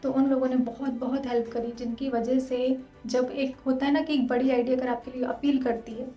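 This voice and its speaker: A woman in her thirties talking fast and earnestly to her viewers in a casual vlog. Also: high-pitched, little pitch movement, echoey room, muffled recording, faint music behind. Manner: fast, earnest, direct address. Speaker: vlogger.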